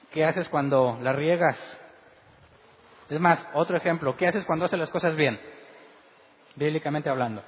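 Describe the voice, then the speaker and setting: A man's voice: on the high side, slight background noise. A man preaching a sermon as pastor, asking the congregation one rhetorical question after another. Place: church hall. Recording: dull recording with long hall reverb.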